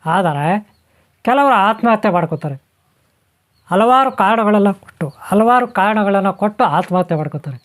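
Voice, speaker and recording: A man's voice: high-pitched, expressive, brisk, fairly bright tone. A man giving a spiritual talk to viewers, repeating phrases, running through lists and asking rhetorical questions. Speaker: spiritual teacher. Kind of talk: spoken talk on spiritual topics.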